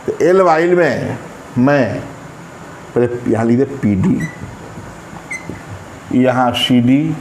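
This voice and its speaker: Slow, deliberate male grammar teacher. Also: medium pitch, animated, darkish tone. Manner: slow, drawn-out, repeats words while writing on a board. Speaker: English teacher. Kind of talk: grammar lesson explained in Hindi. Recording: echoey room, faint background noise.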